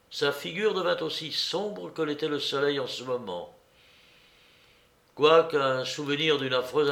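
Expressive male audiobook narrator, echoey room. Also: medium pitch.

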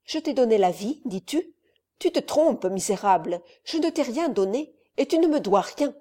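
Woman reader as a furious count, contemptuous, loud, mellow tone. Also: fairly high pitch, expressive, normal speed. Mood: raging. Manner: raging, contemptuous, raised voice. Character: furious cruel nobleman count, a father.

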